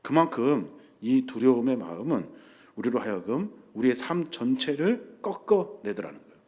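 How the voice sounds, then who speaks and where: A male pastor preaching a sermon in a church hall, swinging between loud and hushed and acting out the voices he quotes. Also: mid-range voice, sing-song, normal speed.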